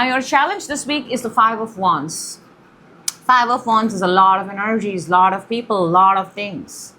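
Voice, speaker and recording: A young woman hosting a casual tarot reading at home, excitable and gushing, with loud bursts and soft murmurs. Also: medium pitch, a little hiss or hum. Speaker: tarot reader, channel host. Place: room in her home.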